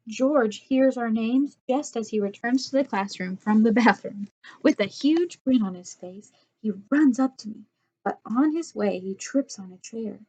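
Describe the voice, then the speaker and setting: A woman narrating a children's storybook in first person, in a lively, expressive way. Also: a little high, a little slow, dull audio. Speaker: audiobook narrator.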